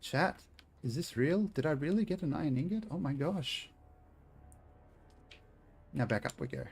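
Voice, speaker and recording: A man's voice: on the high side, expressive, moderate pace, vocal fry, a little mellow, breathy edge. A man chatting casually to his viewers while playing a video game, joking and talking to chat. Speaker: streamer. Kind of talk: casual gaming stream chat.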